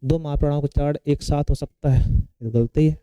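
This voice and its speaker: A man's voice: a little high, fairly even intonation, brisk, warm tone, clean tone, no room sound, low-quality recording. A man teaching grammar for an exam, asking questions and answering them himself, repeating the key terms. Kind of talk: exam-prep lecture.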